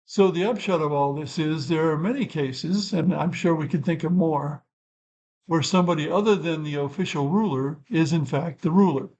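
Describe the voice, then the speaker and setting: A man's voice: a little high, normal speed, darkish tone, poor audio. An older man hosting his own channel, talking through a topic in an unscripted, rambling way and correcting himself as he goes. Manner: rambling and thoughtful, self-correcting asides. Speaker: channel host. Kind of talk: unscripted explanatory talk.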